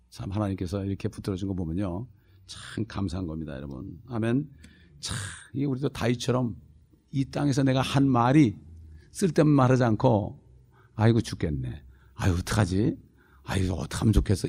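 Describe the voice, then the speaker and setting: A man's voice: mid-range voice, vocal fry, a little mellow. A middle-aged man, a pastor, preaching a sermon in a conversational way, full of rhetorical questions and asides to the congregation.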